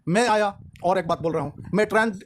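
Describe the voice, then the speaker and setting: A male accountancy tutor with a fairly high voice talks straight to his students. His delivery is lively and preachy, and he breaks off to tell a joke. Faint noise hums under the recording. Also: fast. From India. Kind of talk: lecture and chat to students.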